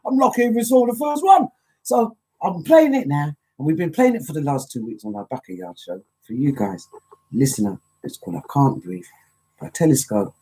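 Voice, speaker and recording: A woman DJ hosting a live show, chatting casually, joking and giving shout-outs to listeners. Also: low voice, moderate pace, slightly rough, low-quality recording. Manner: chatty, animated, jokey. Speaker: DJ and show host.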